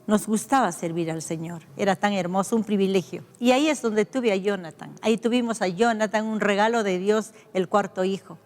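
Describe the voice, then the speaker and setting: An older Peruvian woman pastor recounts her own testimony in a reflective, heartfelt way, pausing and restarting as she remembers. Her voice sits at an ordinary middle pitch. A long reverb tail trails each phrase. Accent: Peruvian Spanish. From Peru. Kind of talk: personal testimony storytelling.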